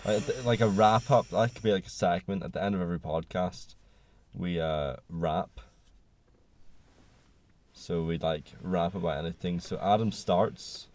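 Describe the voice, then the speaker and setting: Man, very low voice, jokey banter, lots of ums, car podcast. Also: unhurried, a little mellow. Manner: jokey, full of fillers. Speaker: podcast co-host. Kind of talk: casual banter. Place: parked car.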